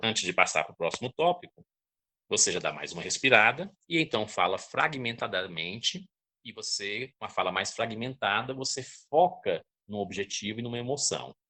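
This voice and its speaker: Didactic man with a husky voice. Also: lowish voice, brisk. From Brazil. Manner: didactic, checks in with listeners, lively emphasis. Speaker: public speaking instructor. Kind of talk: online lecture on public speaking.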